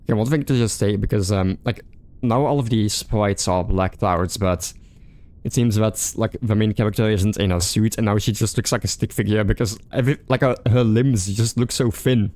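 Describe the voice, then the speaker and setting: A man's voice: fairly low pitch, normal speed, darkish tone. A male streamer reading a visual novel aloud, restarting stumbled words and chatting casually about the game. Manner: stumbling rereads, casual fillers.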